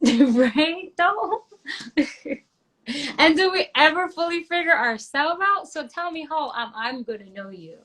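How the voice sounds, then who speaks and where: Earnest woman from Barbados, fairly high voice. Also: lively intonation, takes it slowly, a bit bright, poor audio. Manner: earnest, agreeing, laughs often. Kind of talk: casual podcast chat.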